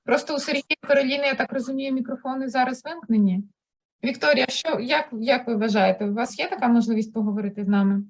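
A woman's voice: a little high, quick pace. A woman moderating an online language class, politely prompting participants to join in. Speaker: lesson moderator. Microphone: video call.

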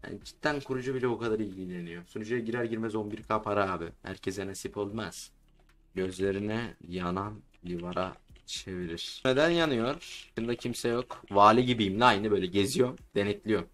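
A man in casual game roleplay chat, joking, excitable and often shouting. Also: on the low side, brisk. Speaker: roleplay streamer.

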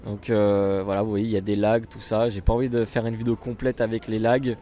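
A man's voice: fairly low pitch, little pitch movement, a little fast, warm tone. A man with a French accent casually commenting while he plays a bus simulator, chatty and rambling with lots of fillers and restarts. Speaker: gaming YouTuber.

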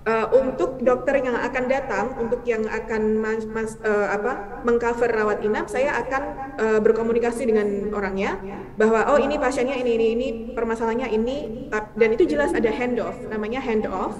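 A woman's voice: a little high, fairly quick. A woman from Indonesia, a physician guest, answering interview questions over a video call, hesitant with many fillers and English terms mixed in. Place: indoor room.

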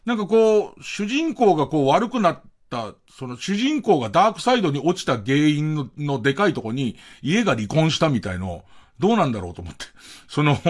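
Animated late-night radio host, man. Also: fairly high pitch. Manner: rambling anecdotal storytelling with many fillers.

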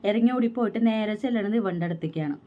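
Pregnant young woman, rapid aggrieved storytelling, dull lo-fi sound. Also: medium pitch. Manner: fast, aggrieved storytelling with quoted dialogue. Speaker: vlogger. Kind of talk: personal story vlog.

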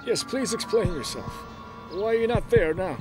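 A man's voice: high-pitched, lively intonation, normal speed, over music. A man playing an angry stern older father. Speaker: dub actor. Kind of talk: drama dub.

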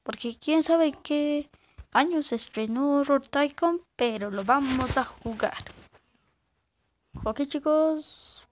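Speaking slowly in a high-pitched voice, this woman hosts a gaming channel. Her commentary while playing is casual and hesitant, broken by the occasional panicked squeal.

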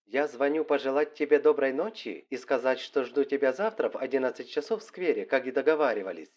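A narrator voicing a calm, gentle young woman in a spoken love story, soft and warm as she says good night. The reading is quiet and unhurried. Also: medium pitch, natural voice.

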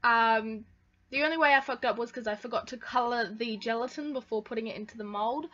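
A woman's voice: a little high, a little fast, a bit bright, highs cut off. A young woman in her late teens giving a rambling, casual DIY tutorial at home, swearing offhandedly. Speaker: vlogger. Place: home, at a table. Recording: roomy echo, voice distant from mic.

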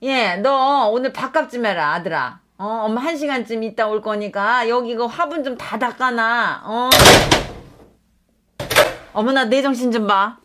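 A woman's voice: on the high side, very noisy, lightly acted. A woman radio host voicing a fussy, doting middle-aged mother who keeps nagging her son in a comic radio skit. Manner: exclaims often, scolds in a fast rising voice.

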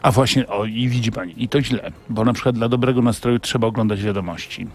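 A male radio host interviewing a politician in a morning studio, in an ironic, teasing way with quick pointed questions. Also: mid-range voice.

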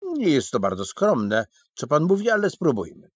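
A man voicing an excitable, anxious, fussy little gentleman who cries out in pleading, agitated bursts. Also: a little high, normal speed, breathy edge, no echo, voice pushed up, heavily acted.

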